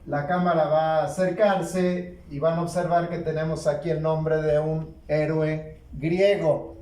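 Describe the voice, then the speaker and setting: A man teaching a spoken grammar lesson, slow and deliberate, asking questions and answering them himself. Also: a little high, little pitch movement, dark tone, distant mic. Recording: echoey room, voice from off-mic.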